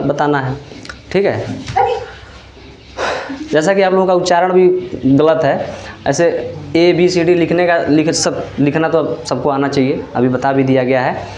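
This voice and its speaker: A man teaching a class, sounding out letters slowly and checking in with listeners after each point. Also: a little high, a little mellow, reverberant, highs cut off. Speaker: teacher trainer. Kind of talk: classroom lesson.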